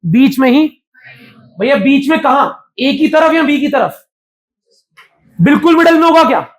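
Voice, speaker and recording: A man's voice: very high-pitched, expressive, unhurried. A man teaching a physics class live to students, talking casually and often throwing questions at the class. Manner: chatty, keeps quizzing the class.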